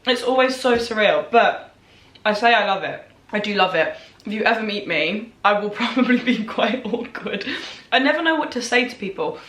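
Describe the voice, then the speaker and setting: Bright-voiced young woman, chatty and rambling. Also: mid-range voice, animated, moderate pace. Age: early 20s. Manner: rambling, self-deprecating, emphatic repetition. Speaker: vlogger answering viewer questions. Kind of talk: casual chatty mukbang Q&A. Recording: echoey room.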